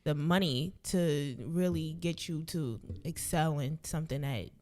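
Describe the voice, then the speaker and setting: Low-voiced young woman chatting candidly. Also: unhurried, a little mellow. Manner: candid, chatty, with many "like" fillers. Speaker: podcast co-host. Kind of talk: casual podcast chat.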